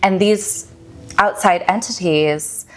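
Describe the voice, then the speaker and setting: A woman's voice: medium pitch, slow pace, soft background music. A woman in her thirties from Michigan, a guest healer telling her story in an earnest, reflective way. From Michigan, USA. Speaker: podcast guest, mystic and healer. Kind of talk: casual podcast interview.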